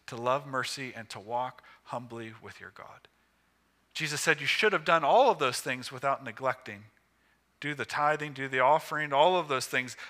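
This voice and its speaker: A man preaching a sermon with emphatic, measured phrasing broken by pauses. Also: medium pitch, pushed and bright.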